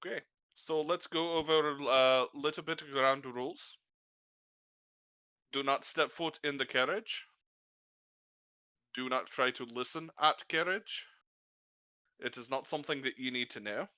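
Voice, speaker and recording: A man voicing a stern winged caravan leader who lays down the rules in a brisk, commanding way. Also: medium pitch, bright, forceful tone, smooth, no room sound.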